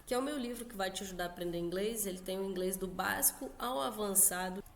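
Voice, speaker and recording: A Brazilian woman teaching an online English lesson in a casual, chatty way, often checking in with quick tag questions. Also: mid-range voice, slight background noise. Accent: Brazilian Portuguese.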